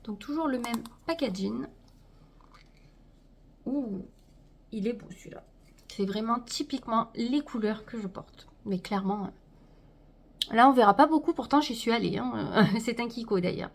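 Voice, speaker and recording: A woman's voice: fairly high pitch, measured pace, gravelly, long pauses. Chatty woman unboxing makeup. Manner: chatty, addresses viewers directly, trails off with fillers. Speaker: beauty vlogger. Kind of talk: casual haul unboxing chat.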